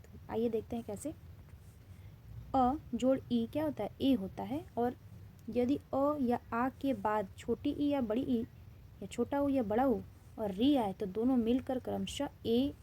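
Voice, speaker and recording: A woman's voice: on the high side, takes it slowly, dark tone, breathy edge. A woman Hindi grammar teacher with an Indian accent, giving a classroom-style lesson in which she poses questions and then answers them, repeating key terms.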